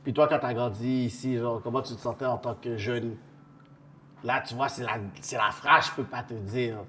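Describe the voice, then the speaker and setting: A man's voice: medium pitch, steady tone, normal speed, pushed and bright, a little hiss or hum. A man with a Quebec French accent who hosts a talk show, asking questions in casual chat and mixing English slang into his speech. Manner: conversational, mixes in English slang.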